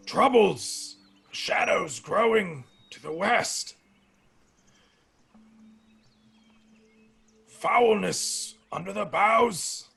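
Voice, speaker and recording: A man voicing a grumpy, bitter old nature priest in a tabletop game, with a creaky, raspy, slow and solemn delivery. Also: high-pitched, expressive, a bit bright, full character voice. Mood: brooding. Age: older. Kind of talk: tabletop role-play acting.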